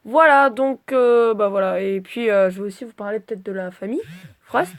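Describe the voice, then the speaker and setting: A woman's voice: medium pitch, normal speed. A woman talking casually through her drawings in a rambling vlog, swearing freely and sounding stuffy from a cold. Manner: chatty and scattered, swears freely. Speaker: vlogger presenting her character drawings.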